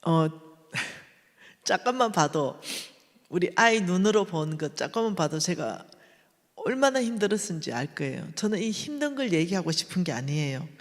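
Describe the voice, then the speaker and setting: A woman's voice: on the low side, big-room sound. A middle-aged woman giving a testimony sermon at a church revival meeting, telling her story animatedly and acting out the voices of others. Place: church sanctuary.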